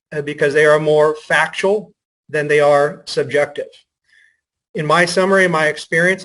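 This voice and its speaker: A man giving a formal prepared statement as a company representative, measured and assertive. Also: a little high, fairly bright tone, low-quality recording.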